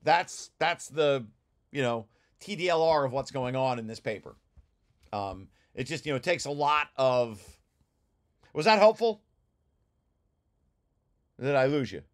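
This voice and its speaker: A study group leader presents a research paper over shared slides, giving an informal technical explanation. His medium-pitched voice has a sing-song quality, with a measured pace and long pauses, and he often restarts and repeats phrases.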